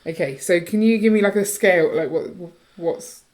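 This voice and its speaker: Woman from the UK, podcast co-host, lowish voice, casual teasing chat, quick restarts. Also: a little mellow.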